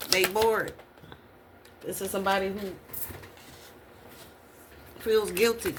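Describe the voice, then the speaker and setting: A woman's voice: medium pitch, fairly bright tone, a little hiss or hum. Blunt, profane woman tarot reader. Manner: blunt, profane, repeats rhetorical questions. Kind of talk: casual tarot reading.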